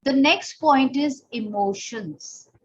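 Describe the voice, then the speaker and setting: Her voice sits high and she takes it slowly as she guides a learner through voice training. She is a pageant and personal development coach with an Indian accent, explaining each step, demonstrating, and speaking straight to the learner. Sound quality is dull and lo-fi, with faint noise behind.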